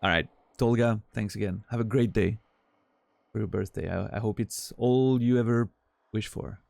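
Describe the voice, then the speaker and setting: This man talks at normal speed in a fairly low voice with vocal fry and a darkish tone, captured in a dry recording. In his forties and from French-speaking Switzerland, he has a Swiss French accent and chats loosely with his stream chat, rambling, self-deprecating and fading out with fillers.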